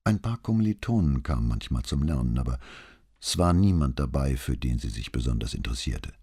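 A male reader voicing a quiet, grieving young female student who answers softly and hesitantly. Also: rumbling low, animated, fairly quick, slightly rough, exaggerated voice. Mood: subdued. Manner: soft, barely audible, hesitant.

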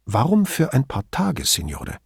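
A composed police inspector, read by a man in an audiobook, replies briefly and politely. The husky voice is recorded close and dry, with no room around it. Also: mid-range voice, measured pace, no echo, full character voice. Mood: calm. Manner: calm, polite, restrained.

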